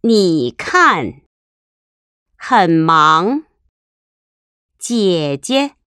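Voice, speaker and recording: Woman giving slow, crisp pronunciation drills. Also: fairly low pitch, big pitch swings, sharp tone, dry recording, studio quality. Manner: slow, carefully articulated model syllables. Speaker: language teacher.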